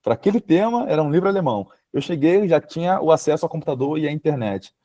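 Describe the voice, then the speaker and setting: Young man, Brazilian accent, warm mellow tone, casual webinar talk on a video call, chatty with fillers. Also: a little high, animated, fast. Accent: Brazilian Portuguese. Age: late 20s. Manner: informal, frequent fillers like "sabe?" and "tipo". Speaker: guest speaker, power systems engineer. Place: home, remote video call.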